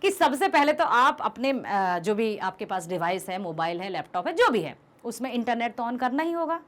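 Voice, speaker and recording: A young woman teaching a revision class in a high, lively voice that rises and falls a great deal. She keeps asking her students questions and explains things patiently, now and then calling them "beta". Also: normal speed. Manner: addresses students affectionately as "beta". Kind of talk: Hindi class revision lesson.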